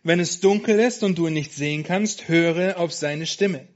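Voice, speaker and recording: A man's voice: fairly high pitch, normal speed, natural voice. A man voicing a cheerful, reassuring female sheep who encourages her friend in a storybook reading. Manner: encouraging, warm. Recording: dull lo-fi sound.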